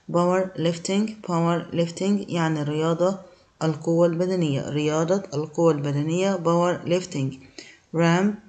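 A woman's voice: lowish voice, darkish tone. A woman teacher, going through English vocabulary and repeating each word with its meaning.

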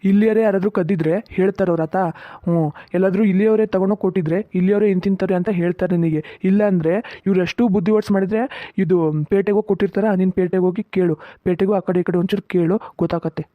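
A fussy older farmer in a cartoon, voiced by an actor. He grumbles and frets at a quick clip. The sound is thin and phone-like, with no room echo. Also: mid-range voice, fairly even intonation, close to an everyday voice. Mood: advising. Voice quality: fast, grumbling, talks to himself. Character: older village farmer with coconut grove, fussy, fretting about money. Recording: tinny narrow-band sound, dry.

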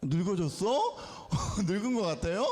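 A man's voice: sits high, lively intonation, unhurried, a little mellow. A man, a pastor, giving a playful children's sermon, quizzing and teasing the kids in a church. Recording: echoey church hall.

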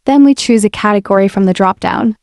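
A woman's voice: medium pitch, fairly quick, no room sound, studio quality. A woman giving a casual, friendly, step-by-step voice-over walkthrough of an app. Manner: relaxed, friendly step-by-step explaining. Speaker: software demo presenter. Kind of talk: casual screen-recorded software walkthrough. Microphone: voice-over mic.

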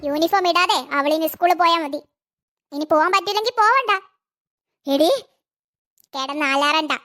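A woman's voice: very high voice, normal speed, sharp tone. A woman voicing a spiteful, cruel stepmother in a cartoon who talks in a sneering, mocking way, with faint music behind.

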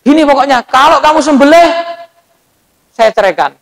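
A man's voice: very high voice, expressive, normal speed, voice pushed up. A man voicing a stubborn husband who firmly threatens his wife with divorce over a guest. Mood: defiant. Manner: firm, defiant.

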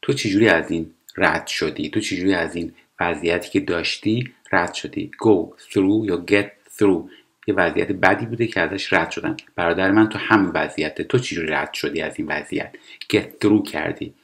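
A man teaching English, explaining TV dialogue line by line and reading English phrases slowly and carefully. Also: sits low, fairly bright tone. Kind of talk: language lesson explaining TV dialogue.

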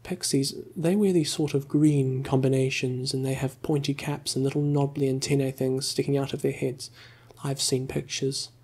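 A man voicing a naive, eager male tourist in a soft whispered role-play with a gravelly, husky voice. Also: mid-range voice, level tone, normal speed, few pauses. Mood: insistent.

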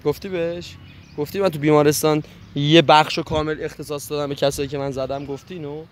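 A man's voice: a little high, level tone, slight background noise. A man playing a bossy, threatening boyfriend in a hidden camera prank. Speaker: prank actor.

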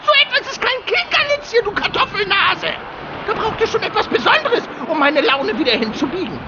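A tiny bearded leprechaun for a video game, cranky and mischievous. He is very high-pitched and swoops wildly as he scolds theatrically, with clear ambient noise behind him. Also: very animated, brisk, dull audio, a loud crowd, heavily acted. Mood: grumpy. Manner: scolding, theatrical, full of quaint insults.

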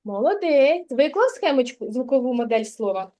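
A woman's voice: sits high, sing-song, moderate pace, warm tone, rough recording. A woman kindergarten teacher giving a literacy lesson to a child, coaching him patiently and sounding out syllables one by one in a classroom.

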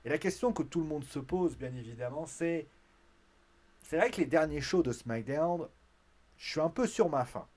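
A man hosting a wrestling recap show in casual spoken commentary, chatty and animated, with blunt slang and now and then a louder, higher voice when he acts out a quote. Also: moderate pace.

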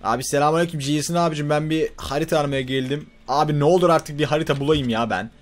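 Excitable young man gaming. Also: on the high side, quick pace. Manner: loud frantic outbursts and mutters to himself. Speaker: gaming YouTuber. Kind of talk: excited let's-play commentary.

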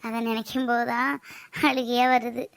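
A woman voicing a tender middle-aged village mother, talking in a soft, coaxing way. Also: a little high, flat delivery, normal speed, creaky, no echo. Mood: tearful.

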